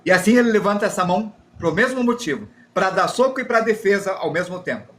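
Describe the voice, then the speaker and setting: Brazilian guy teaching drawing live, kinda high voice, chatty and jokes about himself a lot. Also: lively intonation, quick pace, a bit bright. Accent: Brazilian Portuguese. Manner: chatty, self-deprecating, explains while drawing. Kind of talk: live drawing lesson, reading chat.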